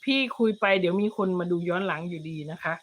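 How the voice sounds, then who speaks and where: A woman's voice: on the low side, fast talker. Casual chatty woman livestreaming. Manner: rambling, chatty storytelling, reads viewer comments aloud. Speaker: livestream host.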